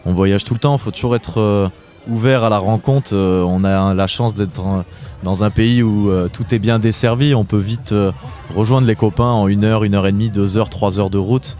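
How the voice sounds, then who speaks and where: An author and entrepreneur in his late twenties, from the Drôme in southeastern France, answers interview questions in a conversational way. His voice is lowish, mellow and steady, and he hesitates often, pausing and restarting phrases as he hunts for words. Faint music plays in the background.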